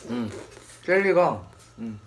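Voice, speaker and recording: A young woman chewing jelly while reviewing food, mumbling slow reactions between bites. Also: rumbling low, sing-song, a little hiss or hum. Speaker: mukbang co-host. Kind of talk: casual food review chat.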